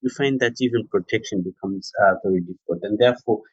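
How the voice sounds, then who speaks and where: Low-voiced man on a dull dry call. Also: breathy edge, no room sound. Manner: measured, formal, hesitant. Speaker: workshop participant. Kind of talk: giving a submission in an online webinar.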